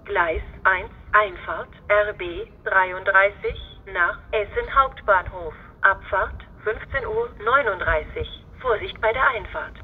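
Phone-like flat platform announcement, woman. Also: medium pitch, takes it slowly, hardly any pauses. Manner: formal, evenly segmented phrases. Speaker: station announcer. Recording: tinny phone-like band, hissy background noise.

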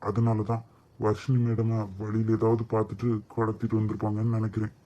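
A man's voice: fairly low pitch, completely flat delivery, brisk, mellow, muffled recording, close to an everyday voice. A man voicing a loyal young henchman in a cartoon drama, reporting to his boss in a matter-of-fact way. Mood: dutiful. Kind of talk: amateur cartoon voice acting.

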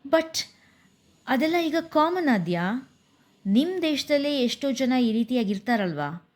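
A woman's voice: high-pitched, big pitch swings, measured pace, pitched above the performer's own voice, heavily acted. A woman doing a playful young foreign suitor. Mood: teasing. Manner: light, teasing.

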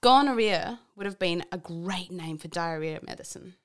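A woman's voice: fairly low pitch, normal speed. A woman co-hosting a podcast, trading jokes in casual chat and often breaking into giggles. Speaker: podcast co-host. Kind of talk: casual joke-telling chat. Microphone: studio microphone.

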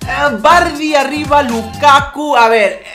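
A young man commentating his football video game, shouting, groaning and swearing as he plays. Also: very high-pitched, takes it slowly, over music. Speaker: gaming youtuber. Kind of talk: excited gameplay commentary.

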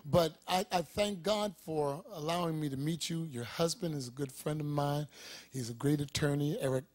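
A man's voice: on the high side, moderate pace, darkish tone, no room sound. A man, a pastor, hosting a TV talk show interview in a studio with a live audience, speaking with an emphatic preacher's cadence.

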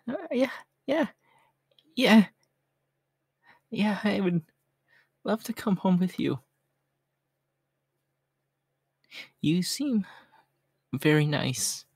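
A man in an ASMR role-play, voicing a shy, homeless young cat-boy who is gentle, hopeful, hesitant and softly polite. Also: medium pitch, dry recording, studio quality. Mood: flustered, hopeful.

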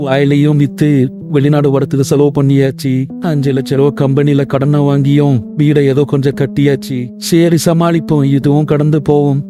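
A man's voice: on the high side, monotone, moderate pace, music in the background, close to an everyday voice. A man voicing a homesick young husband working abroad in a cartoon, earnest and pleading. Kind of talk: Tamil cartoon voice acting.

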